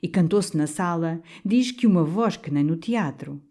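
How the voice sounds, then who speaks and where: A woman voicing a slow, gossipy elderly countrywoman with a small drawling voice and a Minho accent, in an audiobook. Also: on the low side, expressive, dark tone. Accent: Minho, northern Portugal.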